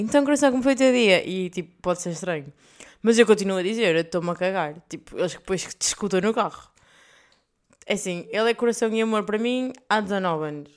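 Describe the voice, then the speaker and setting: A young woman with a European Portuguese accent hosting a podcast, telling stories in a casual, crude, joking way with sudden loud outbursts. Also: on the low side. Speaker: podcast host. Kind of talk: casual monologue.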